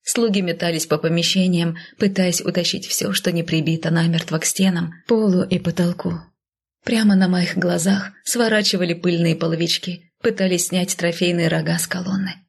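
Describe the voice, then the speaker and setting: A woman reading a first-person story aloud as an audiobook narrator, in a soft, often half-whispered way. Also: lowish voice, fairly even intonation, moderate pace, vocal fry, husky.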